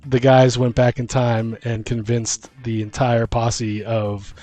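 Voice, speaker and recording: Speaking slowly in a level, dark, mid-range voice, this man hosts a podcast and runs games as game master. He chats about tabletop games in a loose, rambling, slang-filled way while music plays in the background.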